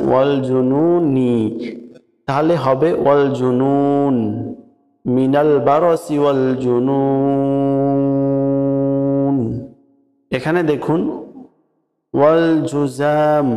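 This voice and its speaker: A Bangladeshi man teaching an Arabic prayer, chanting it in slow, drawn-out phrases and then explaining it in quick spoken asides. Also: medium pitch, a little mellow, long reverb tail, low-quality recording. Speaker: Islamic teacher.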